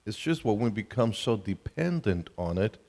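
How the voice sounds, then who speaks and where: A man's voice: on the low side, very animated, moderate pace, a little mellow. A middle-aged man from Colombia, telling stories with self-deprecating humor as he co-presents a family ministry talk. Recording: reverberant hall.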